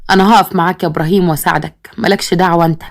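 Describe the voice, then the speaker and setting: A woman's voice: fairly low pitch, steady tone, racing, gravelly. Bossy Egyptian father, read by a woman. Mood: stern. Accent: Egyptian Arabic. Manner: commanding, scolding. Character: stern, bossy village father who favors his daughter-in-law.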